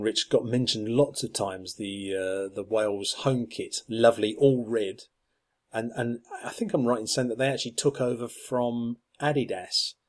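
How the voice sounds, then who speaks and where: Man, podcast co-host, casual chat, meandering, filler-heavy. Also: medium pitch. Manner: rambling, lots of ums and restarts.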